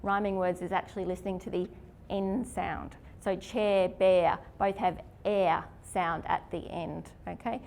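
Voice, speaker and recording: A woman's voice: lowish voice, fairly even intonation, moderate pace, gravelly, a little hiss or hum. A woman leading an informal literacy workshop. She keeps asking her audience questions and checking in with "okay?". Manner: chatty, asks the audience questions; lots of "okay?" and "isn't it?" checks. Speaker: literacy teacher.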